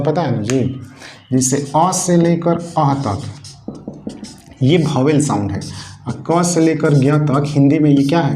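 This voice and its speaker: A man's voice: mid-range voice, mellow. Man teaching English grammar in an echoey room. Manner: explains step by step, repeats and asks the class questions. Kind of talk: Hindi classroom-style grammar lesson. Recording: echoey room with faint noise.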